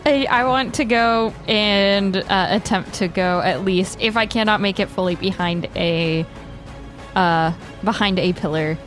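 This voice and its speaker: Slow, hesitant woman playing a tabletop game. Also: medium pitch, faint music behind. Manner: hesitant, searching for words. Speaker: player.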